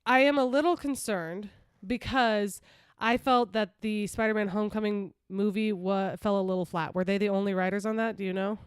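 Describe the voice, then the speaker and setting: A woman co-hosting a relaxed movie talk show, arguing her points with firm opinions. Her voice is smooth and clear, recorded dry and close with no room sound. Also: medium pitch, moderate pace, dry recording. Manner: opinionated, talks over her partner. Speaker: podcast co-host. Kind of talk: casual movie chat.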